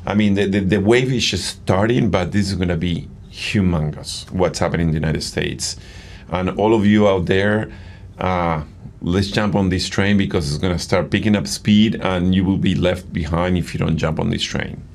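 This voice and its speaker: Deep-voiced enthusiastic man from Argentina. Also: vocal fry. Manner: enthusiastic, halting with many fillers and restarts. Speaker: padel coach and guest. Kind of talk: casual interview conversation.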